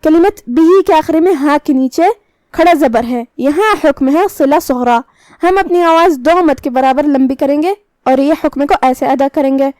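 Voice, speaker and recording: A woman teaching Quran recitation, calmly explaining each letter and its rule, then reciting slowly. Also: high-pitched, no echo. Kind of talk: tajweed lesson with slow recitation.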